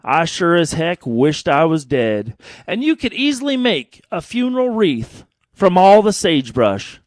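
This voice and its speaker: A man's voice: on the high side, big pitch swings, measured pace, no room sound. An American man with a folksy cowboy drawl, talking and storytelling as a cowboy poet in a radio studio.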